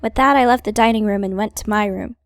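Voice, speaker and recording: A woman reads visual novel narration aloud as a gaming host, slipping in wry, playful comments. Her pitch is average and the recording is close and dry. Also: fast, no room sound.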